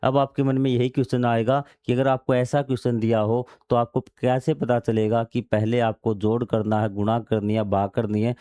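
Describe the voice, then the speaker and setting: A man delivers a maths lesson in a flat, mellow mid-range voice at normal speed with few pauses, and there is no echo. He reads the textbook aloud, puts it into everyday language, asks and answers his own questions, and repeats key steps.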